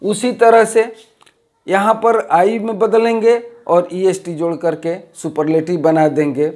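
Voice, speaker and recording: Man, teacher, high voice, patient step-by-step explaining, rises and falls. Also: level tone, measured pace, darkish tone. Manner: explains step by step, repeats each rule; rises on new points, drops at line ends. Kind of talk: grammar lesson.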